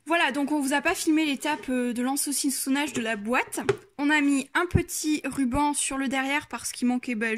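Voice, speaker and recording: A woman's voice: high-pitched, a bit bright. A woman hosting a crafting vlog, chatting casually and hesitating often with fillers.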